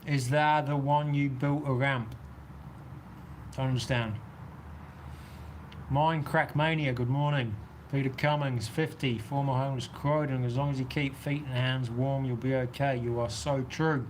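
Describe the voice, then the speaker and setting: A man's voice: mid-range voice, steady tone, unhurried, a little hiss or hum. A man with a New Zealand accent chatting casually on a livestream, rambling as he answers viewer comments from an outdoor shelter. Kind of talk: casual live chat reading comments. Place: outdoor weather shelter on a golf course.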